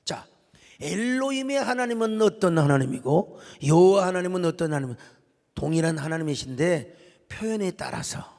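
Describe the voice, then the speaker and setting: A Korean pastor giving a dramatic, emotional sermon full of rhetorical questions in a church sanctuary. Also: male voice, sits high, lively intonation, normal speed, vocal fry, a little mellow. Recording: echoey church hall.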